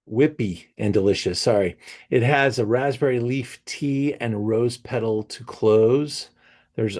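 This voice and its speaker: Slow, low-voiced man reading wine notes. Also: a little mellow. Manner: reads tasting notes aloud, then riffs enthusiastically with fillers. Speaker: wine merchant presenting a tasting. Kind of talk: live online wine tasting talk.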